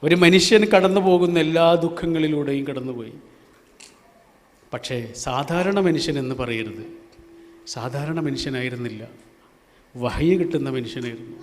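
A man preaching an Islamic sermon, asking rhetorical questions, chanting verses slowly, and swinging from loud to hushed. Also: mid-range voice, slight background noise. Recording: long hall reverb.

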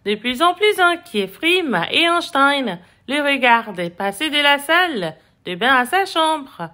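A woman reading a children's book aloud with expressive storytelling. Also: high-pitched, takes it slowly. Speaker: reader.

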